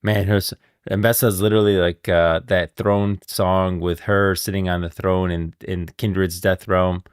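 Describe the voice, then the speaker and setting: Here the same kind of low-voiced streamer rambles through live game lore, circling back and repeating as he works things out. His tone is level, clear and resonant at a normal pace, recorded dry without any echo.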